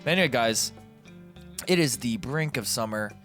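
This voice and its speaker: This Canadian video host sounds like someone from a laid-back commentary channel, chatting informally and wandering into tangents while guitar music plays underneath, catching and correcting himself as he goes. His mid-range voice is animated and a bit bright, at a moderate pace.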